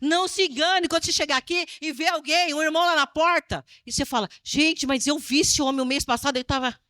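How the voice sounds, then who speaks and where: A woman pastor from Brazil preaching a sermon in a lively, teasing and dramatic way. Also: high-pitched, fast, no echo, studio quality.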